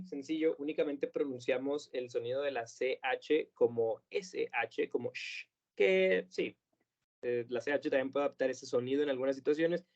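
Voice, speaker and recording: A man's voice: on the high side, a little mellow. Patient male English teacher, lo-fi. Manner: patient, models words slowly and repeats them. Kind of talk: pronunciation lesson.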